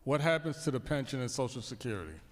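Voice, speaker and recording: A man's voice: mid-range voice, big pitch swings, quick pace. A man in the audience asking probing follow-up questions at a church workshop. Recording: long hall reverb in church.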